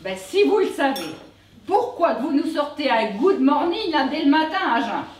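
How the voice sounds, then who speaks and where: Blunt high-voiced woman. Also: big pitch swings, normal speed, a little hiss or hum. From Vosges, France. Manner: blunt, folksy, mocking. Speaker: sketch performer. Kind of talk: comic stage monologue. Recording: echoey room from far off.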